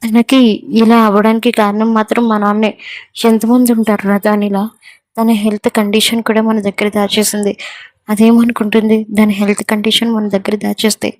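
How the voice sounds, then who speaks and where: A woman's voice: mid-range voice, level tone, normal speed, dry recording, close to an everyday voice. A woman voicing a chatty, loyal young male friend in a spoken story. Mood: earnest.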